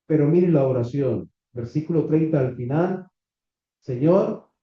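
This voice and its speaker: A man preaching a sermon to a congregation, reading scripture slowly and asking the listeners questions. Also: a little high. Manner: slow, deliberate preaching with rhetorical questions to the congregation. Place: small church meeting room. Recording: echoey, slightly dull church recording.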